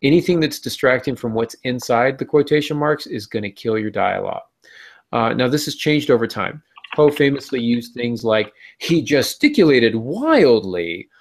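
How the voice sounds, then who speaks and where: A man's voice: medium pitch, moderate pace, creaky. A man hosting a podcast, explaining writing craft in a casual, wry way. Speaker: podcast host.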